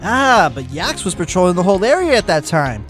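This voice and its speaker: A man voices Flash, a hyper male sloth witness who talks like a peppy fitness coach. His high, very animated voice moves fairly quickly, and he sounds pumped, shouting loudly in a peppy, coach-like way over a music bed.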